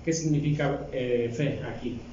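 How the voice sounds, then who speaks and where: A man's voice: medium pitch, steady tone, measured pace, noisy background. A man with a Mexican accent, a deacon preaching a sermon and reading scripture, asking the congregation question after question. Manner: asks the congregation rhetorical questions. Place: church hall. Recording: very echoey hall, distant mic, dull sound.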